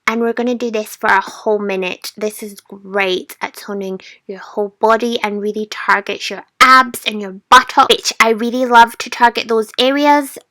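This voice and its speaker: A woman leads a workout as a fitness instructor. Her voice is fairly high and clearly bright, recorded dry and close. She cheers listeners on with informal, motivational encouragement. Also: steady tone, normal speed, few pauses, no echo. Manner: addresses listeners informally as a group. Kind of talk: guided workout instruction to viewers.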